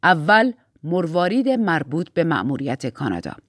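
A stern elderly woman who leads an order of aunts, as a woman reader puts her on. She speaks in a slightly lowered, solemn and formal tone, like an official at a ceremony. The recording is close and dry. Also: very animated, no room sound.

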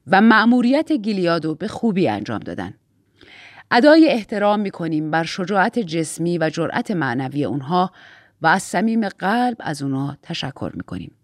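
A woman's voice: lowish voice, dry recording, clean studio sound. Woman voicing a stern elderly matriarch. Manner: solemn, formal ceremonial speech. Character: elderly stern female leader of aunts.

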